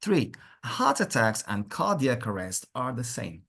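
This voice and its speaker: Male English teacher, very varied intonation, slightly husky tone, deliberate and repetitive delivery in a pronunciation class. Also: medium pitch, very animated, a bit bright. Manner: deliberate, repeats words for learners, encouraging. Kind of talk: interactive pronunciation lesson.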